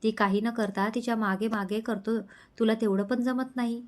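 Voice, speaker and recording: A woman's voice: fairly high pitch, steady tone, normal speed, darkish tone, lightly acted. Woman voicing scheming middle-aged aunt, cruel, sly, taunting, storybook villain.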